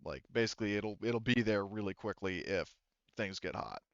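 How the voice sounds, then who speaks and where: Here a man serving as tabletop RPG game master explains things haltingly and casually over a headset, stopping to correct himself. The voice is lowish, and the recording is dry and muffled.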